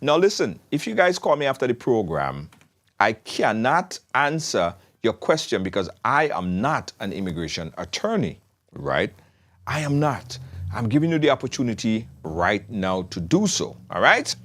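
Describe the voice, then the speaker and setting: A man's voice: mid-range voice, very animated, normal speed, fairly bright tone. A man hosting a live call-in show, urging viewers to phone in and taking callers.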